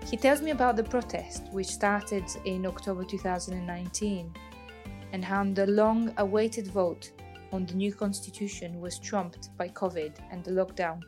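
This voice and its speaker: Articulate woman podcast host over soft music. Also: medium pitch, fairly even intonation, moderate pace. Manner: articulate, argumentative. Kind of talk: scripted narration.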